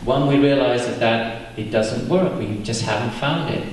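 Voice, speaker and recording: A man teaches yoga philosophy at a retreat in an easy, conversational way, often checking in with his audience. His mid-pitched voice is picked up from far off. It rings with long reverb in a big hall over a faint hiss. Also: normal speed.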